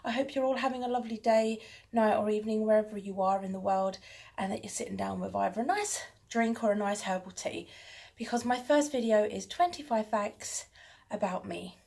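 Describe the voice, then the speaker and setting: A woman's voice: medium pitch, brisk, gravelly, a little mellow. Chatty woman talking to camera. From London, England. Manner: chatty, self-mocking, laughs often. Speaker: channel host. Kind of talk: casual chat to camera. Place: home room with bookshelves.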